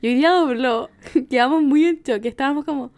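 A woman's voice: high-pitched, brisk, darkish tone. A young Chilean woman co-hosting a podcast, explaining events in detail in casual chat. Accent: Chilean Spanish. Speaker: podcast co-host.

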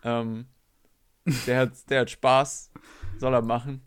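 Laid-back man chatting, mid-pitched. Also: level tone, takes it slowly, clear, resonant tone. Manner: laughs often, eggs his co-host on. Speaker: podcast co-host. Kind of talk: casual podcast chat.

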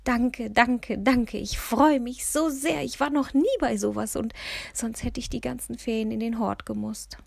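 A woman's voice: medium pitch, animated, unhurried, gravelly, slightly rough, no room sound, full character voice. A woman reading a story voices an eager, cheerful schoolgirl who gushes her thanks. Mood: gushing. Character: excited cheerful young schoolgirl.

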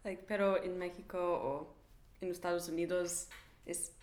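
A woman from California talks in Spanish with an American accent. She speaks slowly and pauses often to find her words, and English fillers slip in. The room is echoey, and a faint noise sits behind her. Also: lowish voice, level tone, a little mellow. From California, United States. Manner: hesitant, searching for Spanish words. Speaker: guest. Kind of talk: casual chat.

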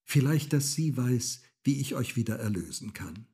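A man's voice: mid-range voice, expressive, normal speed, mellow, breathy edge, voice pushed up. A man voicing a remorseful young girl in a fairy tale, pleading earnestly.

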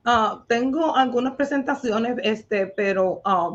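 A woman's voice: on the high side, slow pace, dull audio. A woman singer being interviewed as a guest, chatting in a grateful, friendly way. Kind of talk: casual interview chat.

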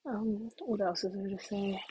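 A woman's voice: mid-range voice, steady tone, moderate pace, warm tone, slightly rough, rough recording. A young woman telling a casual story to camera, chatty and full of "like", sometimes dropping into whispers. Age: young adult. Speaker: vlogger.

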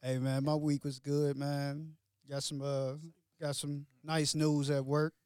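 A man co-hosting a podcast, talking in a laid-back, drawn-out way and often saying "man". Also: on the high side, level tone, darkish tone, clear, resonant tone, no room sound, studio quality. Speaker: podcast co-host. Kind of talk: casual chat.

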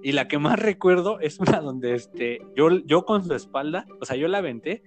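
A man in his twenties from Mexico with a Mexican accent, chatting casually with crude slang and animated storytelling. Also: fairly high pitch, moderate pace, soft background music. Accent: Mexican Spanish. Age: 20s. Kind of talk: casual chat.

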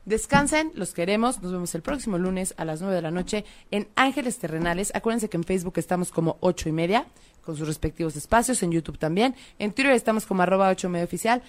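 A woman hosting a web radio talk show, chiming in with warm interjections and sign-offs. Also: on the low side, expressive, fast. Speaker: host. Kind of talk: casual chat.

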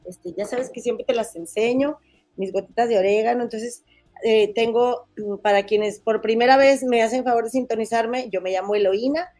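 A woman's voice: a little high, normal speed, a little mellow, soft background music. A woman from Monterrey with a northern Mexican accent, hosting a casual gossip podcast in a chatty, folksy way. She sounds nasal and stuffy from a head cold. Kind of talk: casual chat.

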